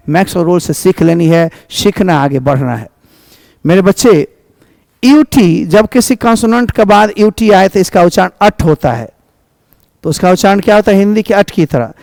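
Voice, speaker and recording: A man's voice: high-pitched, creaky, a little mellow, no room sound. A man teaching English pronunciation in a classroom lesson, speaking Indian English and switching between Hindi and English as he spells out example words.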